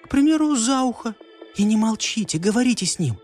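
A man voicing a calm, precise young woman expert who speaks in a measured, instructive way. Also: sits high, soft background music, voice pushed up.

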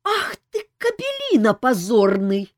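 A woman voicing a hot-tempered young woman who yells and swears bluntly. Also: high voice, wildly swooping pitch, normal speed, no room sound, clean studio sound, voice pushed up, heavily acted. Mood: furious.

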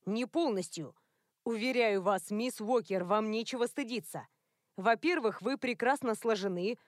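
Woman reading a male police inspector, flustered, earnest, hesitant, fairly high voice, dry sound. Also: unhurried, no echo, natural voice. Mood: reassuring.

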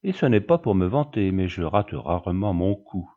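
A man's voice: low-pitched, sing-song, moderate pace, warm tone, muffled recording. A man voicing a haggard, bitter young man who talks back with defiance and mockery. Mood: defiant. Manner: defiant, mocking.

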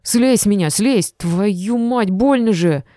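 A woman voicing a rude, gruff young village man who speaks bluntly and coarsely, in an audiobook reading. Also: sits low, animated, moderate pace, warm tone. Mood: yelling.

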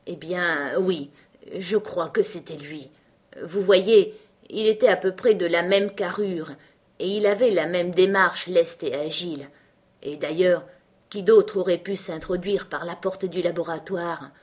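A woman's voice: on the low side, breathy edge. A woman reading a frightened, devoted older male butler in an audiobook, urgent and pleading.

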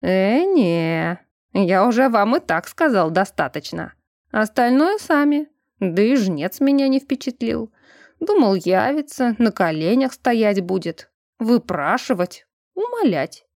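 A sly, sarcastic fox god sneers and drawls his way through every line, as a woman reading an audiobook puts him on. His speech is slow, teasing and grumbling. The sound is close and dry, with no room around it. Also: on the high side, big pitch swings, darkish tone, dry recording, heavily acted. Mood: smug. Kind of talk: audiobook character voice.

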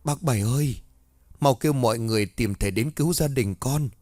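A man's voice: medium pitch, brisk, darkish tone, no echo, clean studio sound, close to an everyday voice. A man voicing a desperate young male ghost who pleads and wails for help. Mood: pleading. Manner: pleading, wailing.

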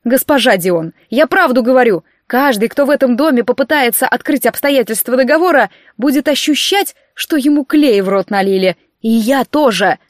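A frightened bearded servant in a storybook , voiced by a woman, pitched high and whining. He begs and protests, pushed up into a plaintive register. The recording is close and dry. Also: expressive, normal speed, few pauses, dry recording. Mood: pleading. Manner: whining, begging. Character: cowardly bearded male servant, pleading.

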